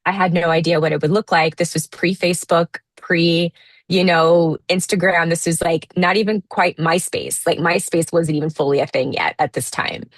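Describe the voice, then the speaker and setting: The dry, close recording has no echo and captures a woman in her thirties speaking at normal speed in a low voice. As an interview guest in a casual conversation, she thinks through her answers and often starts over with fillers.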